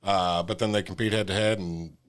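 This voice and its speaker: A man's voice: deep voice, steady tone, fairly quick, slight background noise. A man with an Ohio accent, a guest on a podcast, talking in a laid-back, folksy way that often trails off. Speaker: shooting center general manager, guest. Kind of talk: casual interview chat.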